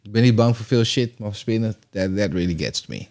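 A man co-hosting a podcast, talking in a casual, animated way, swearing and dropping English phrases. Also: lowish voice, fairly quick. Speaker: podcast co-host. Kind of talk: casual chat.

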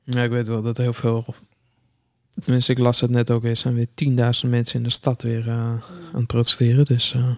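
A man's voice: medium pitch, completely flat delivery, brisk. A man co-hosting a podcast, chatting casually with dry, blunt remarks. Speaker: podcast co-host. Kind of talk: casual chat.

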